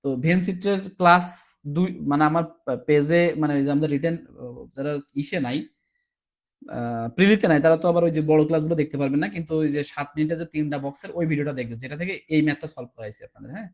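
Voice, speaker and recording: A man's voice: on the high side, fast. A man teaching a recorded exam-prep class, explaining step by step and often asking "ঠিক আছে?", sounding tired. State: tired, low on energy.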